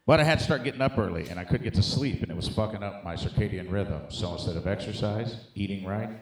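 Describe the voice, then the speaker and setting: A middle-aged American man does profane, conversational stand-up, speaking emphatically to a live crowd he calls dude and guys. His voice is lowish and quick, recorded in an echoey comedy room with a noisy background.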